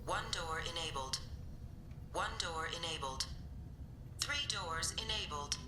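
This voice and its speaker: Stern station security computer. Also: female voice, sits low, lively intonation, slow. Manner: cold, formal announcements. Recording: roomy game audio with music.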